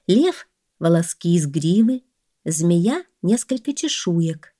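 Woman narrator, calm folk-tale reading, dry close mic. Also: fairly low pitch, slow pace, dry recording. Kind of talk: storytelling narration.

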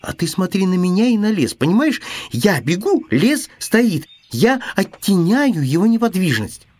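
A man voicing a small, excitable hedgehog who bosses his friend around in an insistent, lecturing way. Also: measured pace, heavily acted. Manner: insistent, lecturing, high and squeaky.

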